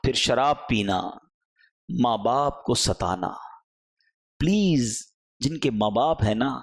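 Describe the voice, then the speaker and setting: A man's voice: medium pitch, expressive. A man preaching a sermon, impassioned, rising and falling emphatically as he pleads with his listeners.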